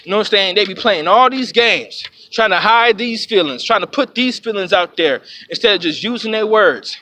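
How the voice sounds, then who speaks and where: A man's voice: sits high, animated, moderate pace, bright, forceful tone. A man giving a blunt, emphatic vlog rant, repeating his points. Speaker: vlogger. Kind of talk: ranting vlog monologue. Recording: noisy outdoor street with traffic.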